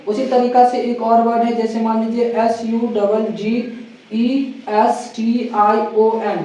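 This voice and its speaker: A woman's voice: on the high side, dark tone. A woman English teacher giving a spoken pronunciation lesson, repeating each word and asking the viewer to say it back, with English phrases mixed into her explanation. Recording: echoey room, distant mic, faint hiss.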